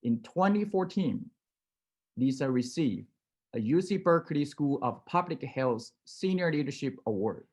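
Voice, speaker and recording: A man's voice: mid-range voice, expressive, a little slow, a little mellow, breathy edge. Man hesitantly reading a speaker introduction. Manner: reads from notes with hesitant fillers. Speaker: former association president introducing a speaker.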